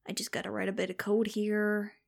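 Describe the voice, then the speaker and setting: A woman's voice: mid-range voice, flat delivery, fairly quick, gravelly, natural voice. A woman voicing a paranoid, laid-back young male hacker who talks in a casual, slangy way. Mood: wary.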